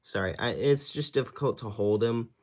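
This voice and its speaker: A man's voice: medium pitch, normal speed, darkish tone. A young man hosting a casual live stream Q&A, sounding stuffy from allergies and talking in a rambling, hesitant way with many fillers. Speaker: YouTube creator hosting a live Q&A. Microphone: handheld phone camera.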